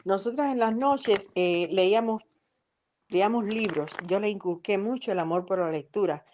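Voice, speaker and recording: A mother tenderly recalling reading with her daughter, in a measured way. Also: medium pitch, a little mellow, slight background noise. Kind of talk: interview recollection. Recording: dull lo-fi sound.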